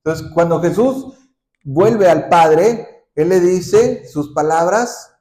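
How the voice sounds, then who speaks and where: A man pastor preaching a sermon, often asking the congregation questions and ending points with a quick "¿sí?". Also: high-pitched, warm tone. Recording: roomy echoing hall.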